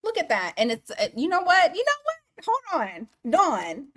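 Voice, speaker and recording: A woman with a slightly high voice reads tarot cards live for her viewers. She talks slowly and casually, laughing easily and restarting her sentences as she thinks aloud. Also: big pitch swings, fairly bright tone. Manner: chatty, laughs often, restarts and fillers. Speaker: tarot reader.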